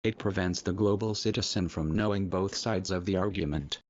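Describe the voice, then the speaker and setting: A disguised, artificially deepened male voice, very low and heavy. He reads a scripted message in a solemn, measured, declamatory way. The audio is dull and lo-fi, with a dry, close sound and no room around it. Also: a little mellow, dry recording. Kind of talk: scripted narration of a protest message.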